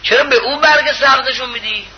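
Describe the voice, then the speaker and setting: High-voiced impassioned male preacher. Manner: impassioned, pleading, swings between loud and hushed. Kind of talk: sermon. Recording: muffled lo-fi recording with faint hiss.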